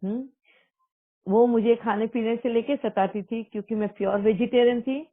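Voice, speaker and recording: A woman's voice: a little high, steady tone, normal speed. Woman telling her story over a tinny line. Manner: earnest storytelling, mixes English words into Hindi. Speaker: spiritual speaker. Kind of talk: personal testimony talk. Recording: tinny phone-like audio.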